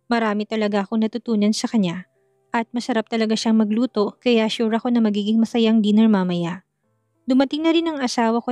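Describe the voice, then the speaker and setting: A woman tells a scripted first-person story in an emotional, polite manner. Her voice is fairly high and dry, close to the mic, with faint music playing underneath. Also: dark tone, no room sound. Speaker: story narrator.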